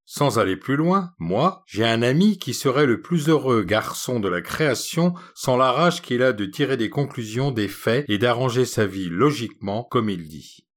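Guy reading a funny old short story, dry and measured, middle pitch. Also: lively intonation. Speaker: narrator.

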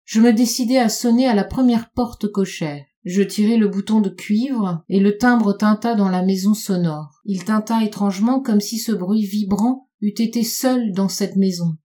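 A woman reading a classic short story aloud as an audiobook, measured and unhurried, slowing and dropping her voice on dark repeated phrases. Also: mid-range voice. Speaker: audiobook reader. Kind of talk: literary audiobook narration.

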